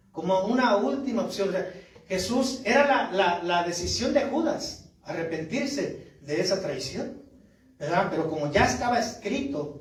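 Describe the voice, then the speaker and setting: A man preaching as a pastor, reading scripture aloud and often asking his congregation "¿verdad?". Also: high voice. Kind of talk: sermon. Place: church hall. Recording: echoey church hall from far off.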